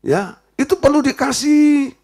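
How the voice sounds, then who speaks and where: A man's voice: very high-pitched, a little slow. A man preaching a sermon as pastor, acting out dialogue from stories as he teaches. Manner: animated preaching, acts out quoted dialogue.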